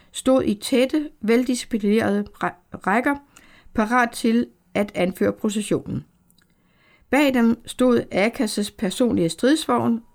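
A woman narrating a historical novel in steady, measured scripted storytelling. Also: on the high side, creaky. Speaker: audiobook narrator.

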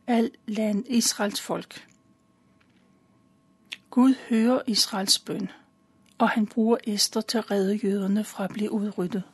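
A woman calmly retelling a Bible story in simple, plain words, with a few fillers. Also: medium pitch, slightly rough.

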